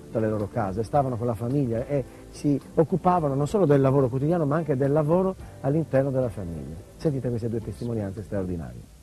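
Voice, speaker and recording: A man's voice: medium pitch, warm tone, rough recording. A man presenting a documentary in an earnest, fluent way.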